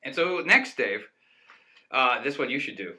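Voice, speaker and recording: A man co-hosts a casual chat, talking at length in an excited, rambling way and breaking into laughter. His voice is very bright and forward. He sounds like a young adult. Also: mid-range voice, measured pace. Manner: rambling, enthusiastic, laughs often. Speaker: co-host.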